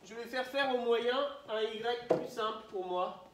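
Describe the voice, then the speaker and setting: A man teaching young children, asking questions and spelling words out slowly syllable by syllable. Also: very high-pitched, recorded from a distance, very noisy. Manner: questioning, prompting pupils to answer. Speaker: primary school teacher. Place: classroom. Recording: roomy echo, voice from the mic.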